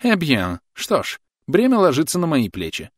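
A prim, outraged schoolteacher woman, as a male narrator puts her on, pitched well above his own voice. Her speech swings widely in pitch, shrill and huffy. The recording is dry and close. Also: wildly swooping pitch, moderate pace, dry recording. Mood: indignant. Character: prim indignant female schoolteacher.

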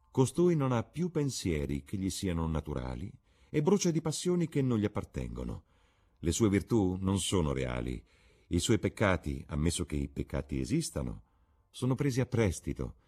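A man voicing a witty, cynical English lord who lectures with irony in a deep, husky voice. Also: a little mellow, exaggerated voice. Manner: ironic, lecturing. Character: witty aristocratic older gentleman, cynical, languid.

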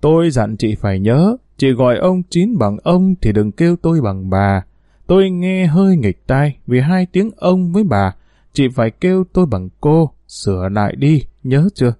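A man's voice: mid-range voice, lively intonation, moderate pace, warm tone, no room sound, studio quality, close to an everyday voice. A man voicing a flirtatious, haughty wealthy woman, coquettish with her lover and cold to her servant. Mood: cold commanding.

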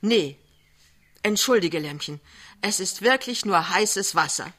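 A mild young clerk, gentle and a little hesitant, who frets about his job, as a woman reader voices him. The pitch is kept near her own, with soft, halting phrasing in a radio book reading. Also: lively intonation. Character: young man, worried mild-mannered clerk husband.

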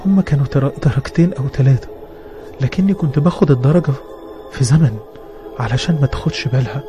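A man with an Egyptian accent telling a horror story in a dramatic, animated way, sometimes stumbling over his words. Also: mid-range voice, fast, muffled recording.

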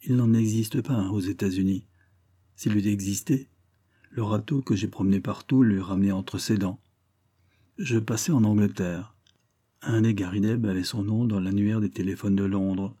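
A man reading the part of a smooth-talking adult male con man who spins his story in an earnest, persuasive way. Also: lowish voice, steady tone, normal speed, mellow, no echo, close to an everyday voice.

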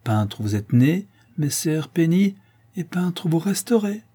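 A man voicing a proud, cold widowed marquise in an audiobook, speaking curtly and imperiously, raised well above his own voice, with a dark, husky tone. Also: a little high, big pitch swings, slow, pitched above the performer's own voice, full character voice. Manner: curt and imperious. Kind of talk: audiobook character reading.

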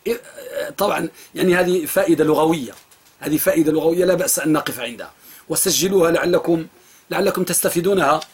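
A man's voice: on the high side, fast talker, breathy edge. A man teaching a classroom jurisprudence lesson, repeating phrases and quizzing his students. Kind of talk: classroom lesson with drilling questions.

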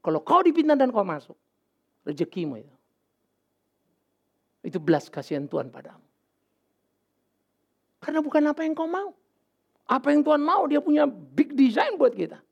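A male pastor preaching a sermon in a casual, animated way, with sudden loud outbursts and English words mixed in. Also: extremely high pitch, moderate pace, vocal fry, long pauses. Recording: dull lo-fi sermon recording.

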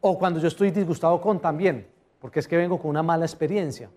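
A man giving a lively customer service seminar, often putting questions to the audience. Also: fairly high pitch, fast talker. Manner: animated, asks the audience questions. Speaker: motivational speaker.

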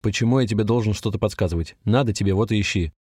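A man's voice: fairly low pitch, rapid-fire, darkish tone, breathy edge, no echo, clean studio sound. A man voicing an irritated, dismissive stranger who is secretly a sinister tempter. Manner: irritated, scornful, curt.

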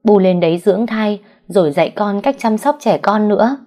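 A woman's voice: mid-range voice, expressive, moderate pace, warm tone, recorded from a distance. A woman narrating a story in the first person, reading the dialogue with small shifts of voice.

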